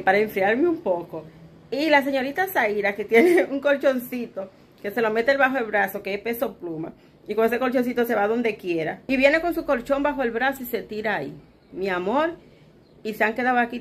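A medium-pitched female voice with a Dominican Spanish accent belongs to a vlogger, an adult mother from the Dominican Republic, chatting casually from her bedroom. She calls her audience "chicas," talks right to them, and dramatizes what people told her, with slight background noise present.

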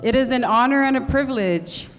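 A woman's voice: high voice, slight background noise. Woman co-emcee in an echoing hall. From American Samoa. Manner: measured, ceremonial. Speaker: master of ceremonies. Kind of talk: formal event emceeing, switching to Samoan. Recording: long hall reverb.

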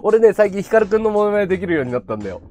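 Brief: chatty male streamer, pitch leaping all over, faint music in the background. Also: racing. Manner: chatty, animated, laughs a lot. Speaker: livestream host. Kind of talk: casual chat to viewers.

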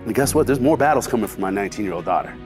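A man in his forties giving an animated, preacher-like inspirational faith talk, telling stories about his children. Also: fairly low pitch, very fast, soft background music. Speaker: motivational speaker.

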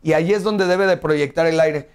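A man's voice: a little high, normal speed, clear, resonant tone. A man teaching a singing lesson, explaining step by step and asking rhetorical questions along the way. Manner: breaks into sung scales and long "ah" tones. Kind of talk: vocal lesson.

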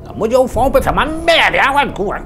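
A man's voice: extremely high pitch, very animated, fast, bright, forceful tone, soft background music, exaggerated voice. An actor playing a bumbling, grumbling old man with a Mauritian accent as a quiz contestant in a comedy sketch. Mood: confused, grumbling. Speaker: game show contestant. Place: TV studio set.

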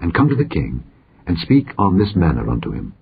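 A shrewd commander laying out careful instructions, as a man reads him. The voice is deep and very husky, on a dull lo-fi recording. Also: huge pitch swings, fairly quick, heavily acted. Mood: instructing.

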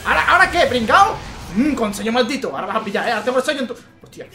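A man with a Spain Spanish accent giving excitable let's play commentary, with frequent swearing and exclamations. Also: extremely high pitch, racing, music in the background. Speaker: gaming channel host.

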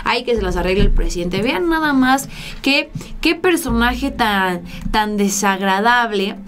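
Indignant young woman commentator, bright voice. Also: fairly high pitch, expressive, unhurried. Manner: indignant, talks with her hands. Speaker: host. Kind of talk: political commentary chat. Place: small studio with blue backdrop.

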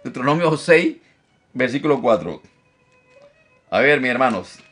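A man teaching a Bible study as pastor, animated, often repeating phrases and checking in with his listeners. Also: a little slow, soft background music. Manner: lively, animated teacher who mimics critics in a high mocking voice. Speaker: pastor teaching a discipleship class.

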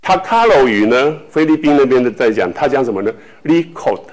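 A man from Taiwan teaching a language class, speaking slowly with many filler tags and repeating words for students to echo. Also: medium pitch, expressive. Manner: filler-heavy speech with frequent "hou" tags.

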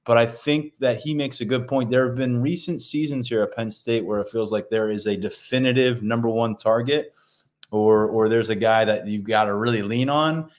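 A man's voice: mid-range voice, moderate pace. A man co-hosting a sports podcast as a beat reporter, steadily relaying what players told him after the game. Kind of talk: casual sports podcast analysis.

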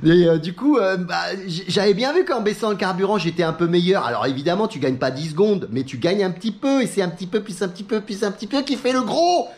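A man's voice: high-pitched, fast talker, few pauses. A middle-aged man from France chatting casually as a sim racing YouTuber, telling stories, acting out what others said and laughing often. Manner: chatty, animated storytelling, acts out quotes, laughs often. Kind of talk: casual talking-head chat.

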